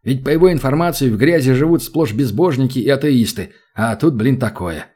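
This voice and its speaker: A male audiobook narrator with a husky voice. He tells the story in a wry, expressive way that leans into the humor. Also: medium pitch, a little fast. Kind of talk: scripted narration.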